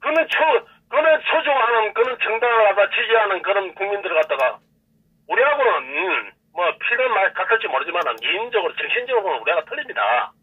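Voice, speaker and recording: Heated and repetitive, this Gyeongsang-dialect caller rants on a call-in show in a high, sing-song voice with a quick pace and a breathy edge. He is heard over the telephone, and the line sounds tinny and far away.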